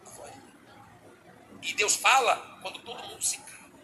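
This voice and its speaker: A middle-aged man with a Brazilian Portuguese accent preaching a sermon as a bishop, animated, acting out little dialogues. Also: high voice, normal speed, slight background noise, low-quality recording.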